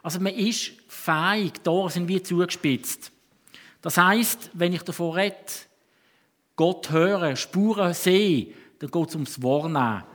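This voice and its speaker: A man's voice: high voice, a little slow. A man with a Swiss German accent preaching a sermon in a conversational, storytelling way, often breaking off and restarting.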